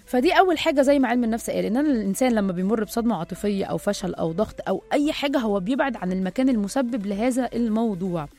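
A woman's voice: a little high, expressive, racing, few pauses, a little mellow. A woman with an Egyptian accent hosting a radio talk show, chatting directly to her listeners. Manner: chatty, talking straight to listeners.

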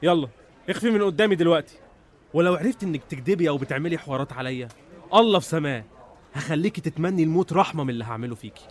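Actor as a rapid-fire, bullying Egyptian investigator. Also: male voice, fairly high pitch, animated, close to an everyday voice. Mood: menacing. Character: brusque, intimidating police investigator, sarcastic and impatient. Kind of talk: radio drama acting.

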